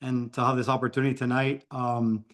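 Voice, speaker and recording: Man, Cuban-American Miami accent, rapid talker, rambling fillers, video call. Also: medium pitch, flat delivery, fairly bright tone. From Miami, Florida. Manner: fast, rambling storyteller with fillers. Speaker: guest speaker. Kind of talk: personal story on a call.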